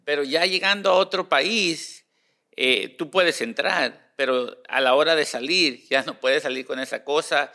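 A man's voice: on the high side, unhurried, creaky, pushed and bright. A man hosting a casual chat, reacting often with short interjections and telling his own story. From United States.

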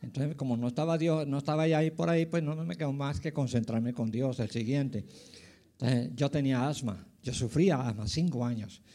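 A man's voice: mid-range voice, brisk, dark tone. Elderly man recounting his life story. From Colombia. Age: 90s. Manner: rambling, with many fillers and asides to listeners. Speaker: pastor. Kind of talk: personal testimony, casual storytelling.

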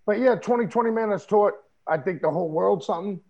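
A man's voice: high voice, quick pace, a little mellow, lo-fi sound. A man talking casually over a video call in a streetwise, emphatic way, often asking "you know what I mean?". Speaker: interview guest, wrestler.

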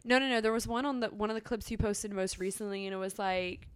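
A woman's voice: medium pitch, quick pace, crowd noise. A woman co-hosting a podcast in casual chat, talking in a chatty, sarcastic way full of fillers. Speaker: podcast co-host.

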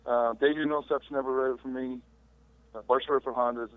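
A man's voice: mid-range voice, a little fast, no room sound. Middle-aged man on a tinny call. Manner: relaxed, rambling recollection with fillers. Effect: heard over a remote phone call. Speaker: podcast guest. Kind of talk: casual interview storytelling. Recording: tinny dry phone-line audio.

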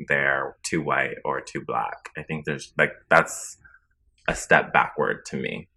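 Podcast guest: man, extremely deep buzzy fry voice, monotone, bright edge, chatty. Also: slow. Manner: chatty, many filler likes. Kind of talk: casual chat.

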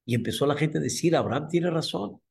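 A male rabbi with a Mexican Spanish accent delivers a sermon in an emphatic, storytelling way. His voice sits a little on the high side, and he drives points home by repeating key words, pausing now and then to clear his throat. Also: a little mellow.

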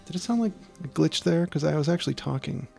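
A man with a slightly high, creaky voice hosts a podcast in casual chat. Faint music can sit behind him. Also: lively intonation, quick pace, warm tone. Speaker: podcast host. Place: small garden shed.

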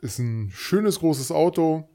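A man with a Berlin accent in casual podcast chat, stopping often with hesitant filler pauses. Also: a little high, lively intonation, warm tone. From Berlin, Germany. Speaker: podcast co-host. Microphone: new microphone over a video call.

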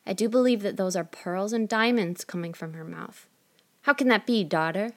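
A woman voicing a scolding, greedy middle-aged mother, loud and shrill in a storybook reading. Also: normal speed, natural voice. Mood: astonished.

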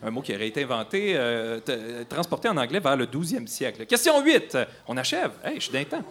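A man's voice: medium pitch, sing-song, brisk, fairly bright tone, slight background noise. A man with a Quebec French accent hosting a playful quiz on air, teasing and laughing between questions. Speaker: radio quiz host.

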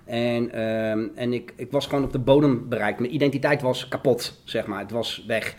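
A man's voice: medium pitch, steady tone. A man from the Netherlands giving an emotional, fervent testimony as an interview guest. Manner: earnest, fervent, fast and repetitive.

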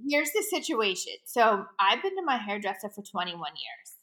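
Bright, lively woman, forties, casual podcast co-host telling stories. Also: medium pitch, normal speed. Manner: animated storyteller, laughs often. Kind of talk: casual chat.

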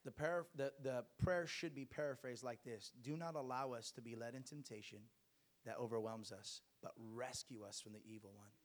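A man's voice: mid-range voice, steady tone, normal speed. A man preaching a sermon to a congregation, exhorting them emphatically with rhetorical questions and repeated phrases.

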